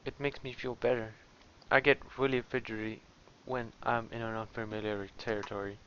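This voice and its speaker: A man voicing a calm, guarded adventurer, reading game dialogue in a quiet, measured way. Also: mid-range voice, a little hiss or hum, close to an everyday voice. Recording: slightly muffled lo-fi sound.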